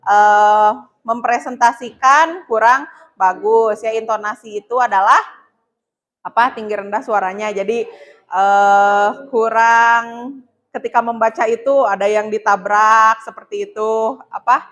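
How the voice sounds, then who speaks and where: A woman teacher giving feedback to a student group in a classroom, talking hesitantly with many pauses. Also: on the high side, steady tone, fairly bright tone.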